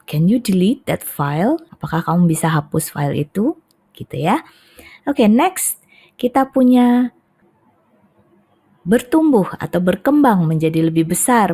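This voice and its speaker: A woman with an Indonesian accent teaching English pronunciation, patiently explaining each word and then saying it slowly. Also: low-pitched, dark tone. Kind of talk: pronunciation lesson.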